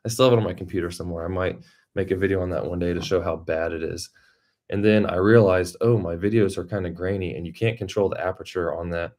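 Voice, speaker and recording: Low voiced guy doing a casual youtube live, just rambling and thinking out loud to viewers. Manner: rambling, thinking aloud while reading the chat. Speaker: YouTube creator hosting a livestream. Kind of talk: casual unscripted livestream chat.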